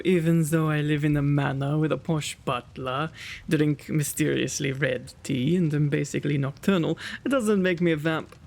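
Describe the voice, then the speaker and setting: For an intimate, one-sided ASMR roleplay, a man voices a kind gentleman vampire. His slightly high voice has a creaky edge, and he speaks unhurriedly with courtly, old-fashioned politeness, gentle and easily flustered.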